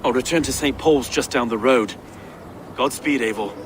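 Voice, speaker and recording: An actor playing an earnest, pious medieval reeve in a video game, speaking in a formal, heartfelt manner. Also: male voice, medium pitch, moderate pace, lightly acted. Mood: troubled, confiding. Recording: noisy game street ambience.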